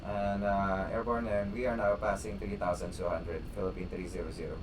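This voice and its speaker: A man's voice: deep voice, flat delivery, brisk, slight background noise. A man speaking as a pilot on a cockpit headset, giving clipped radio calls and takeoff callouts with small hesitations. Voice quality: clipped aviation phraseology with hesitations. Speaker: pilot in a flight simulator.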